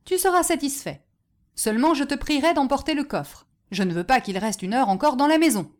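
A jittery, superstitious peasant farmer, put on by a woman reading a fairy tale, his voice jumping high with fright. He talks in excitable bursts, loud and lively. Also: a little fast. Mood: pleading. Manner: fearful, excitable exclamations.

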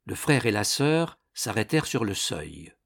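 A man narrating an adventure novel as an audiobook, with dramatic, expressive storytelling. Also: lowish voice, measured pace, gravelly, breathy edge.

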